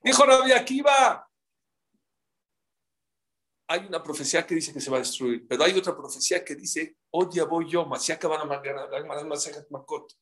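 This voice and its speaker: A man leads a live Talmud class, his voice sitting a little high. He tells the stories with drama and keeps putting questions to his listeners. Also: quick pace, few pauses. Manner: animated, dramatic storytelling with rhetorical questions. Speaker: Torah class teacher.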